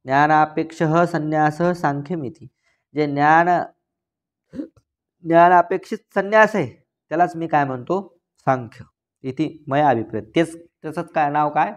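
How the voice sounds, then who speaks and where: A man teaching a religious scripture discourse, posing questions to his listeners and answering them himself, and slowly reciting Sanskrit passages. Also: fairly high pitch. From Maharashtra. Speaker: Vedanta teacher. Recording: dull lo-fi recording.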